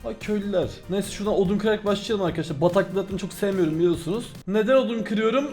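A young man giving excitable, casual commentary over his own gameplay, swearing lightly and talking straight to his viewers. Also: high-pitched, fast talker, faint music behind. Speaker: gaming YouTuber.

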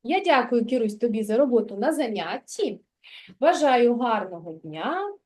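A woman teaching a young child to read in a kindergarten lesson, speaking slowly and patiently with lots of praise. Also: fairly high pitch, very animated, darkish tone. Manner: slow, patient, praising, sing-song. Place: kindergarten classroom.

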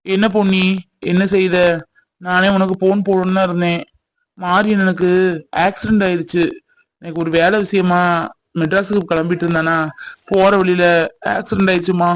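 A man's voice: sits high, little pitch movement, moderate pace, long pauses, close to an everyday voice, rough recording. A man voicing a caring, reassuring young village man in a dubbed cartoon. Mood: explaining. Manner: reassuring, explaining.

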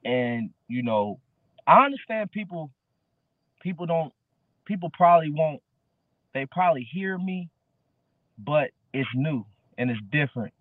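A man's voice: on the high side, expressive, a little slow, pauses often, dry recording. Brief: laid-back man in his early thirties, slangy musician guest, dry tinny video-call sound. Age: early 30s. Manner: laid-back street slang, fillers like bro. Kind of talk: casual interview chat. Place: dark room at home.

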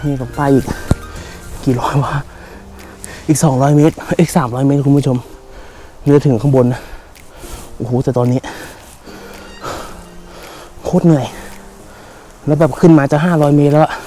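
A man's voice: on the high side, steady tone, normal speed, long pauses, dark tone. A middle-aged man vlogging to his viewers while out of breath on a steep mountain trail, swearing casually as he climbs. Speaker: travel vlogger. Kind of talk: casual travel vlog talk to viewers. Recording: background music laid under voice.

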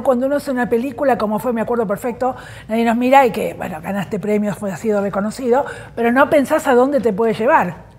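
A woman with an Argentine accent hosting a TV talk show, asking questions in an enthusiastic, effusive way. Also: on the high side. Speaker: TV host.

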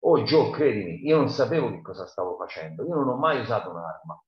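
A man's voice: on the low side, lively intonation, fast talker, natural voice. A man reading as a frightened drunk pleading. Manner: pleading, shaky. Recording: roomy, dull lo-fi sound.

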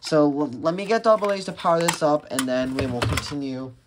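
Speaking fairly quickly in a higher-pitched voice, this man unboxes radios for a vlog. He rambles in a loose, hesitant way, frequently starting sentences over, while the noisy home audio picks up clicks from handling.

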